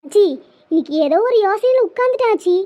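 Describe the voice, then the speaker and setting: A woman voicing a sweet, devoted young village woman in a cartoon, in a high, soft, girlish voice. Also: expressive, quick pace. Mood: pleading. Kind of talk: cartoon voice acting. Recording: slightly muffled lo-fi audio.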